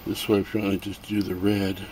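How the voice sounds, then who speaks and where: A middle-aged man with a low voice and a completely flat delivery shows off toys and crafts, filming first-person on a handheld camera. He rambles haltingly with self-amused asides in his cluttered workshop and garage. The recording has noisy home camera audio.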